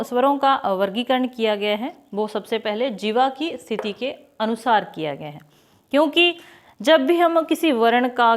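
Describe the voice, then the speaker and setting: Woman teacher, fairly high voice, patient explainer who poses questions and answers them, sounds out example vowels slowly. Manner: explains step by step, asks and answers her own questions. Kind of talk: online Hindi grammar lesson.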